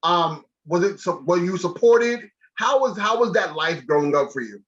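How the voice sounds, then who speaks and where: Over a video call from a small indoor room, an American man in his thirties interviews a guest casually and enthusiastically as a talk show host. His voice is high, expressive and a bit bright, at a normal speed. The video-call audio sounds slightly dull.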